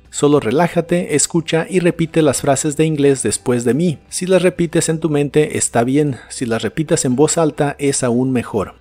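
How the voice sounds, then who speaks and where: Man teaching English pronunciation slowly. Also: a little high, a little mellow. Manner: slow, careful model pronunciation of English words. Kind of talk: scripted pronunciation lesson.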